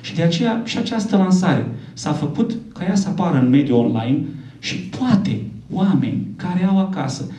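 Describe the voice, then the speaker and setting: Man, priest giving a public talk, dark mellow voice, echoey hall, distant mic. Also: high voice, expressive. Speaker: priest speaking at a book launch. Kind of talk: public speech with storytelling. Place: event hall.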